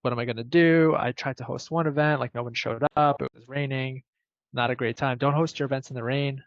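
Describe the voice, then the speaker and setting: A gravelly-voiced man from Ukraine, a program participant, casually tells his personal story on a group video call. He speaks at medium pitch with fairly even intonation and a brisk pace. The video-call audio sounds dull, close and dry.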